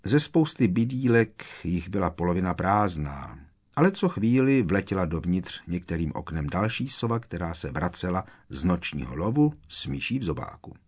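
A man reading a novel aloud as an audiobook narrator, in calm, measured narration. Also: low voice, breathy edge.

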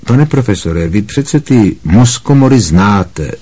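A man's voice: fairly low pitch, animated, dark tone. A man voicing an anxious, earnest teenage boy wizard pupil who speaks hesitantly.

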